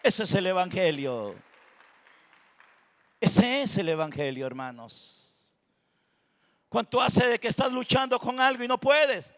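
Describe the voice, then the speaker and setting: A man preaching a passionate sermon, rising to loud cries and dropping to quiet murmurs. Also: unhurried, a faint crowd. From Costa Rica. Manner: impassioned preaching, swinging between loud cries and low murmurs. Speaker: pastor. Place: church sanctuary. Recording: long reverb of a church hall.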